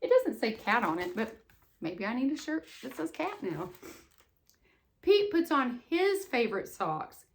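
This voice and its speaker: A woman's voice: on the high side, unhurried. An older woman, a sweet grandmotherly lady, reading a picture book aloud to children with affectionate, folksy, exclaiming asides. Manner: exclaiming and expressive. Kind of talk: read-aloud storytelling with chatty asides.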